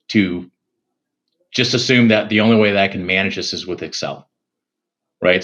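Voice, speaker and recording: A man who is a security executive, a podcast guest, answering in a measured way and thinking aloud. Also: lowish voice, a bit bright, dull audio. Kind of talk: casual interview answers.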